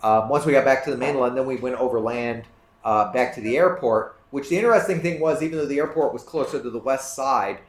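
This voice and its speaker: A man's voice: mid-range voice, a little fast. Man, club presenter, casual slideshow talk, rambling, self-correcting, roomy echo. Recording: roomy room echo, faint background noise.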